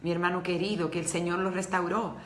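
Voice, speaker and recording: A woman's voice: on the low side, little pitch movement, fast, a bit bright, roomy sound, slight background noise. Earnest woman preaching. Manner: emotional, earnest, addresses listeners directly. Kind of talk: devotional talk to women.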